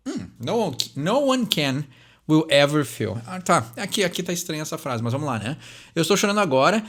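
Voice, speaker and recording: Chatty young Brazilian man, higher voice. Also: very animated, fairly bright tone, husky. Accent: Brazilian Portuguese. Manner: chatty, fills pauses with "né?", reads English lines slowly. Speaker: channel host explaining song lyrics. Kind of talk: casual lyric breakdown.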